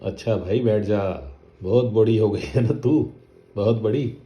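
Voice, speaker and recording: A man voicing a doting middle-aged single father who talks to his daughter softly, with affection and teasing. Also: on the low side, measured pace, pitched above the performer's own voice, close to an everyday voice.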